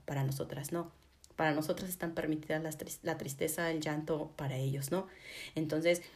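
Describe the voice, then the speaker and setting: A woman's voice: on the low side, a little mellow. A woman psychotherapist giving a conversational talk to an audience, often checking in with a rhetorical "¿no?".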